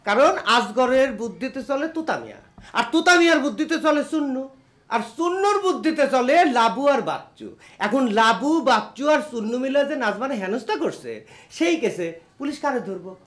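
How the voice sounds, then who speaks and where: A man's voice: extremely high pitch, lively intonation, brisk, fairly bright tone. An actor playing a middle-aged, belligerent drunk village father in a comic TV drama, ranting sarcastically in a rural Bangladeshi accent. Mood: taunting.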